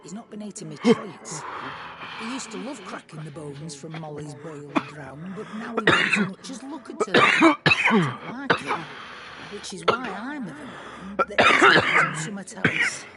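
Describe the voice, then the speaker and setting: A woman's voice: mid-range voice, huge pitch swings, measured pace, crowd noise. Sarcastic old woman. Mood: tart. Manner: sarcastic, dry. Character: sharp-tongued older woman, a dog's keeper. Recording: game audio over music.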